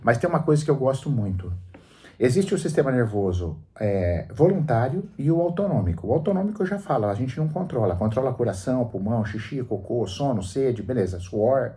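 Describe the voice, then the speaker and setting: Brazilian man explaining on the radio, mellow. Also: medium pitch, animated, fairly quick. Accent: Brazilian Portuguese. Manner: didactic, storytelling, emphatic. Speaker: psychologist guest on a radio show. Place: radio studio.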